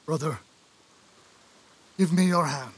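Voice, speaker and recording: An actor playing a remorseful royal brother in an earnest, pleading stage delivery for an audio drama. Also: male voice, fairly high pitch, takes it slowly, slightly rough.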